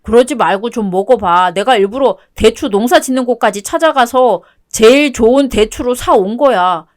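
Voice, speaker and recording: A whiny, clingy young husband who keeps begging in a plaintive, higher-pitched voice, read by a woman. The web-toon radio drama reading is kept light, with the whining carrying the character. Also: normal speed, close to an everyday voice. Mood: pleading.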